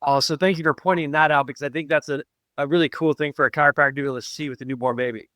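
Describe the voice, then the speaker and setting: Male host, inquisitive and affirming, smooth resonant voice pitched a bit high, dry sound. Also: steady tone, rapid-fire, a bit bright, no room sound. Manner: curious, clarifying, affirming. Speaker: podcast host. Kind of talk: podcast interview questions.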